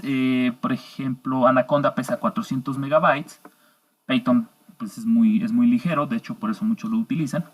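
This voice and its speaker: A middle-aged man recording a course lecture as an engineering instructor, explaining at an unhurried pace with many filler pauses and restarts. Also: mid-range voice.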